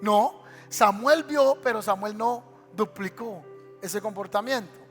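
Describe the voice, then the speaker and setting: Pastor preaching, high voice, echoey church hall with faint music behind. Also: male voice, a little slow. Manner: dramatic storytelling preacher who acts out scenes. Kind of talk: sermon. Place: church sanctuary.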